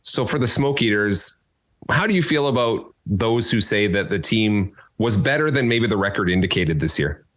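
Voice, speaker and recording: A man hosting a podcast interview, asking questions in an upbeat, lively way. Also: lowish voice, normal speed. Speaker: podcast host.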